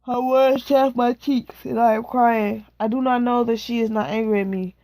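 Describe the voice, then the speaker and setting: Woman reading a novel aloud, bright-toned. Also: on the high side, steady tone, moderate pace, no echo. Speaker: reader.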